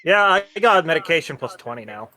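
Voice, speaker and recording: A man's voice: on the high side, big pitch swings, brisk, bright, forceful tone. A man playing a tabletop game, grumpy and swearing often. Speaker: player.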